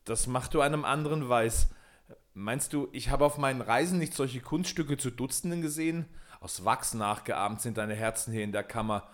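A man voicing a young male charcoal burner in a fairy tale, speaking in a raised, lively voice. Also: medium pitch, normal speed, natural voice. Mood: mocking.

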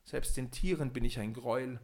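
A man's voice: medium pitch, steady tone, normal speed, a little mellow, close to an everyday voice. A man voicing a young enchanted owl princess in a fairy tale audiobook, speaking plaintively. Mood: lamenting. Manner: plaintive, lamenting.

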